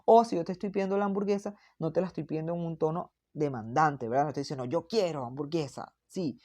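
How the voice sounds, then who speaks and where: A Mandarin teacher with a slightly low, mellow voice explains a language lesson patiently. She repeats examples slowly and carefully as though learners are following along, frequently adding short checking questions, tags, and fillers.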